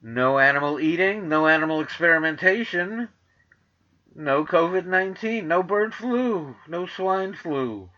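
Middle-aged New York man, radio host, slow rambling sardonic delivery, bright tone, dull lo-fi sound. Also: fairly high pitch, expressive. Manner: rambling, sardonic, many filler uhs. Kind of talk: casual monologue.

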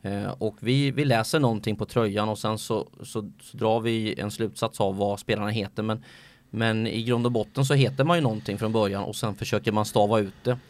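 A sports commentator talking in a casual podcast chat, hesitant and full of filler sounds. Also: male voice, on the low side, steady tone, no room sound.

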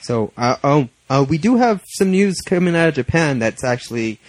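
A young man co-hosting a casual podcast chat, joking and teasing, often trailing off into a lower voice. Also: lively intonation, normal speed, noisy background. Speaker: podcast co-host.

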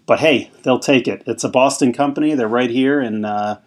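A man's voice: mid-range voice, normal speed. A man co-hosting a podcast, chatting casually and rambling with plenty of fillers. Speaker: podcast co-host. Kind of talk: casual chat.

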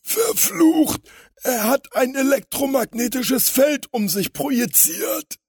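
Sly tall crook, sneering and gloating, pitched high and loud. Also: male voice, sing-song, normal speed, husky, no room sound, studio quality, heavily acted. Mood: whining. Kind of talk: storybook reading.

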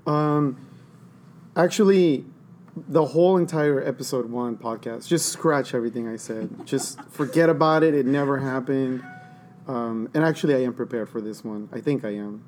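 A man's voice: mid-range voice, normal speed, darkish tone, a little hiss or hum. A man joining a casual podcast chat, hesitant and self-deprecating with many ums. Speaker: podcast guest.

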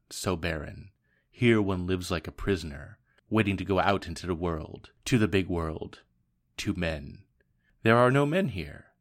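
A man reading aloud the lines of a lonely, seductive female vampire countess in a soft, lowered voice.

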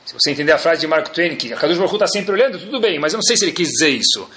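A man with a Brazilian Portuguese accent teaching a Torah class in an animated way, full of rhetorical questions and jokes for his audience. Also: a little high, very fast. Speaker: religious teacher.

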